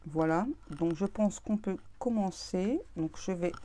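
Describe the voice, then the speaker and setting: Soft-spoken woman tarot reader, hesitant. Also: fairly low pitch, unhurried. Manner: hesitant, many fillers and restarts. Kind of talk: casual tarot reading monologue.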